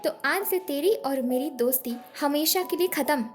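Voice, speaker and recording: A woman reading a hot-tempered young schemer in a story, snapping his words with sharp anger. The voice sits higher than most men's, over soft background music. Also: moderate pace, natural voice. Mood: angry. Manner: angry, sharp retorts.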